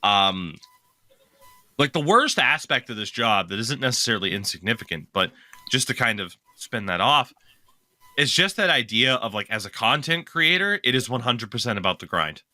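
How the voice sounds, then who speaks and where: Sharp-toned and sing-song, this mid-range male voice moves at a normal pace on a dry recording. He's a young podcast co-host based in Maine, chatting casually, rambling, correcting himself, and occasionally swearing.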